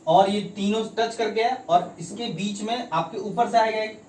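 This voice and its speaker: A man's voice: sits high, normal speed, a little mellow, a little hiss or hum. A man teaching a chemistry lesson, constantly asking the class questions and repeating key terms. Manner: keeps asking students quiz questions; mixes in English terms, repeats key phrases. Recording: echoey room, mic at a distance.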